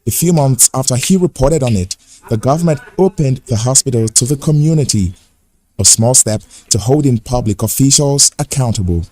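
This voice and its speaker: Man reading a measured news report. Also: mid-range voice, animated, a little mellow. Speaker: news correspondent. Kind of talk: scripted news report narration.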